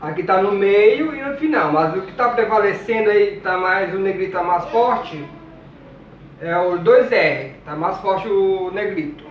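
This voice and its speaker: A man teaching a lesson, reading words out slowly and repeating each one. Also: high voice, slight background noise. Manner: slow, deliberate, repeats each word. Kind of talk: classroom lesson, reading a word list. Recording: distant, muffled, echoey room.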